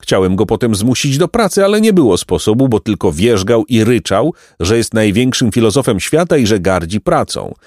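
A man voicing a loud, boastful innkeeper who hawks sausages, in a raised, pitched-up voice. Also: very animated, normal speed, hardly any pauses, dry recording, clean studio sound. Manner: raised, hawking voice.

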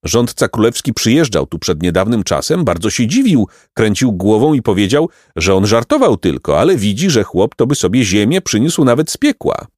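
A man reading a children's storybook aloud in a calm, expressive manner. His pitch rises and falls a great deal, and he is recorded in a dry, close setting with no room around the voice. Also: normal speed, hardly any pauses, no echo. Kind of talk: storybook narration.

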